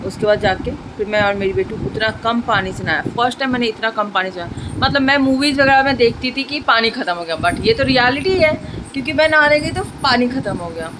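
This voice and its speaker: A woman's voice: fairly high pitch, noisy background. A young woman chatting to her viewers in a casual home vlog, filmed on a phone. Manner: chatty, talks straight to viewers. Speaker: vlogger. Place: home and rooftop, indoors and out.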